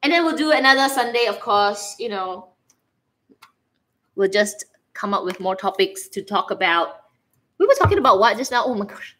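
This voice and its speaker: Bright-voiced Singaporean woman chatting casually. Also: mid-range voice, normal speed, pauses often. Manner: animated, playful, rambling, reacting aloud to viewers' comments. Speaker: livestream host. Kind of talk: casual livestream chit-chat. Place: living room, indoors.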